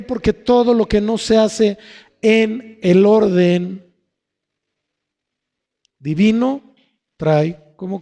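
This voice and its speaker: A male pastor preaching a sermon slowly and emphatically, asking rhetorical questions and answering them. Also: high-pitched, mellow. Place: church hall. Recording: long hall reverb.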